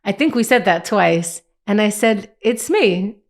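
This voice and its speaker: A woman vlogger, telling a personal story in a reflective, halting way, with many restarts and fillers. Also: mid-range voice, animated.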